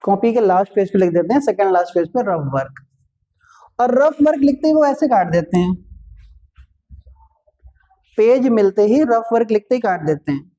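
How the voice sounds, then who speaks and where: A man who teaches physics, giving exam tips in a relaxed classroom talk, repeating each point and joking with students. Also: sits high, moderate pace, pauses often, dull audio. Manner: chatty, repeats each point, calls students "bhai", light jokes.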